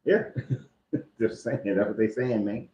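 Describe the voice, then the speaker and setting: A man with a lowish voice gives loose, joking commentary on scripture, full of slang and the odd curse. He sounds like a laid-back host talking straight to his audience. The recording is roomy and echoey with a dull, lo-fi sound. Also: slow pace, dark tone.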